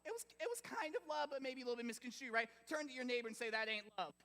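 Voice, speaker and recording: A man preaching to a middle-school youth group, animated and chatty, telling stories and quizzing the audience. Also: very high-pitched, racing. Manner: animated, chatty, full of fillers and audience questions. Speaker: youth pastor. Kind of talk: youth group sermon storytelling. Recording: echoey hall.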